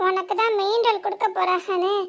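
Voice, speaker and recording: Woman voicing a weepy village sister-in-law, squeaky high voice, southern Tamil Nadu accent, whiny, complaining, cartoon comedy. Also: steady tone, fast talker. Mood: defensive. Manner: whiny, complaining, self-pitying.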